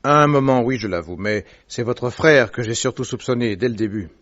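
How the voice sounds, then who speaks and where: An actor playing Sherlock Holmes, a commanding detective who lays out his reasoning in a crisp, assured radio drama voice. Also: mid-range voice, fairly quick, fairly bright tone, muffled recording, natural voice. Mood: explaining. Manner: crisp, assured, explains step by step.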